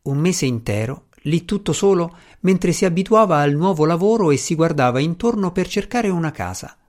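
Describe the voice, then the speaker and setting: A man narrating an audiobook chapter in a measured, even reading voice. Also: a little high. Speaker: audiobook reader.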